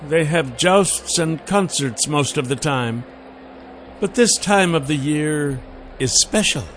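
A man's voice: on the high side, expressive, slow, a bit bright, slight background noise, pitched above the performer's own voice. A man voicing a poised, teasing young noblewoman ruler who speaks in a lofty, coaxing way.

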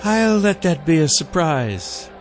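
A man's voice: a little high, sing-song, takes it slowly, faint music behind, voice pushed up. Man doing a lofty, teasing noblewoman. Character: poised, teasing young noblewoman ruler.

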